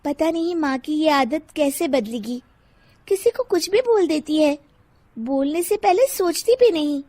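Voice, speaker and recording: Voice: sits high, expressive, measured pace, mellow. A performer voicing a young schoolgirl daughter in a cartoon, whiny and demanding. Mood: worried.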